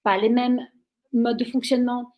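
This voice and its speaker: Her fairly high voice moves at normal speed as this Belgian interview guest tells animated stories. Brimming with energy, she gets carried away while she talks.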